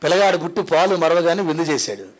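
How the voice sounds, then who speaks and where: A male pastor preaching a Sunday sermon in a church prayer hall. He tells stories dramatically, dropping to hushed asides and climbing to loud repeated cries. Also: fairly high pitch, expressive, quick pace. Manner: repeats phrases in climbing builds.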